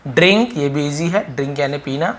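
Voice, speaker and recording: A man's voice: a little high, normal speed. A young man teaching a vocabulary lesson, explaining patiently and repeating each word.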